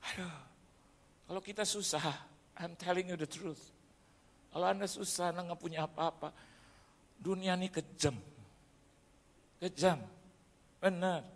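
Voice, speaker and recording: High, gravelly preacher in church hall. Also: male voice, a little slow, pauses often. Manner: animated storytelling, bursts into shouting. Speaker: pastor. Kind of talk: sermon. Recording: echoey church hall reverb.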